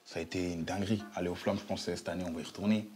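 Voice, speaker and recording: A man hosting a relaxed chat with friends over dinner, talking in slang and repeating his phrases. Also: deep voice, very fast. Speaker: host.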